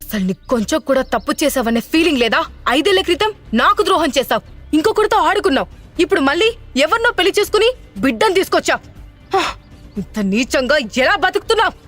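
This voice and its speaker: A woman voicing a bitter, jilted young man who accuses loudly, in an audio drama. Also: on the high side, a little fast, long pauses, faint music behind, natural voice. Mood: accusing. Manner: loud, accusing.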